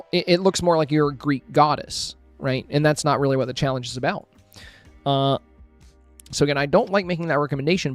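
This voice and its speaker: A man's voice: fairly high pitch, no echo. A man streaming a casual review of game screenshots, friendly and thinking aloud with plenty of fillers and restarts. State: hiccuping, with a headache.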